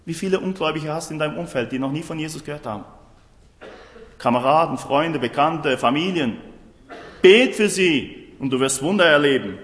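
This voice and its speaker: A man preaches a sermon emphatically, often asking his listeners rhetorical questions. His voice is on the high side, brisk and fairly bright, recorded in a roomy hall with long reverb.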